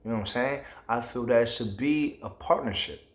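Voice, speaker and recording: A man's voice: mid-range voice, a little fast, roomy sound. A man vlogging, giving his opinions in a casual, emphatic, rambling way with plenty of slang.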